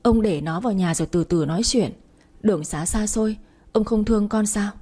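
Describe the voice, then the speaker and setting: A woman's voice: mid-range voice, fairly quick, dark tone, close to an everyday voice. A woman voicing a tearful older mother who pleads with her husband in a storybook. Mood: pleading.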